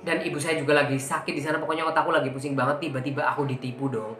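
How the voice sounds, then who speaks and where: A man vlogger telling a personal story in casual talk, emotional and animated, acting out what people said. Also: fairly high pitch, rapid-fire. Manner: emotional, animated retelling with acted-out quotes. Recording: echoey room with faint background music.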